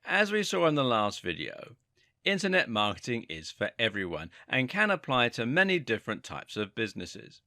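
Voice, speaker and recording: A man's voice: mid-range voice, huge pitch swings, moderate pace, sharp tone, no room sound, clean studio sound. A man narrating an online marketing course in a scripted, upbeat and persuasive manner.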